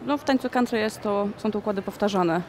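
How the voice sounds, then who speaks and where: A young woman who works as a dance choreographer answers interview questions conversationally, pausing often. Her voice is mid-range and a little mellow, recorded in a shopping mall with slight background noise.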